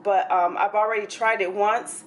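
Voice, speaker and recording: A young woman chats to a close camera in her home kitchen, rambling loosely and dropping plenty of ums and likes. Her voice sits at a middling pitch. The kitchen gives the sound a noticeable echo. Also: fairly even intonation, normal speed, a little hiss or hum. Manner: chatty, rambling, with many fillers. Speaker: fitness vlogger. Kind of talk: casual vlog chat. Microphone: camera held close.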